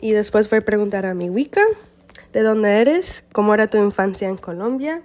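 A woman's voice: medium pitch, moderate pace, a little mellow. A woman interviewing her grandparents, reading out prepared questions steadily.

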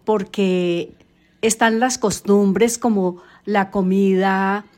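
An older woman, a grandmother answering interview questions hesitantly, with many pauses and fillers. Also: mid-range voice, fairly even intonation, a little mellow. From Colombia. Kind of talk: casual family interview.

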